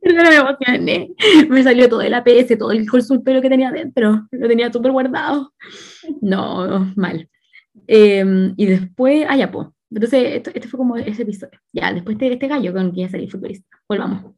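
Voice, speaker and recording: A woman's voice: a little high, normal speed, a little mellow. Slangy Chilean woman telling stories. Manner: slangy, laughing, storytelling. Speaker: podcast co-host. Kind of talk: casual chat.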